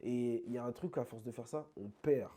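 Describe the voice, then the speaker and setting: A man being interviewed about dance, talking in an animated, emphatic, slangy way. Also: medium pitch, fairly quick. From France. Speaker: interview guest, krump dancer. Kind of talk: casual conversational interview.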